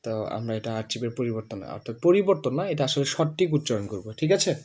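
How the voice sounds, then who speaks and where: A man teaching English pronunciation, saying each word slowly and over and over for a student to copy. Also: medium pitch, very animated, a little mellow, husky. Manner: repeats words slowly, drilling the student. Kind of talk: pronunciation lesson.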